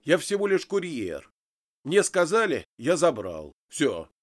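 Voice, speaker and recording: A man's voice: a little high, huge pitch swings, a little slow, voice pushed up. A man voicing a cocky, brazen young captive. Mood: defiant. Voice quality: insolent, defiant.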